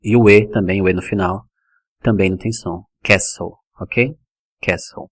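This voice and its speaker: A man from Brazil teaching English pronunciation in a video lesson, explaining patiently and repeating each word slowly so it can be copied. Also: low voice, steady tone.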